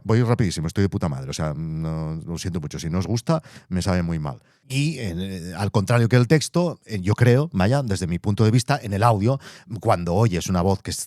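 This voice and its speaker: Animated man, casual podcast. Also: deep voice, no room sound, studio quality. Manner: chatty, swears freely, thinks aloud with fillers. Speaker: podcast host. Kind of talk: casual monologue.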